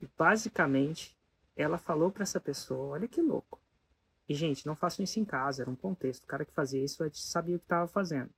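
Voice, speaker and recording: A speaker, telling a story casually to an audience in an animated way and asking the listeners rhetorical questions. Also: mid-range voice, fast, husky.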